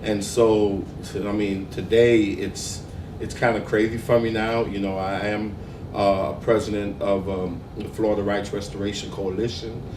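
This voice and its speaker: Earnest low-voiced man, distant in a room. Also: flat delivery. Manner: earnest, halting with fillers. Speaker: law student and activist. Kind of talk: panel discussion. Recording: roomy, distant, noisy.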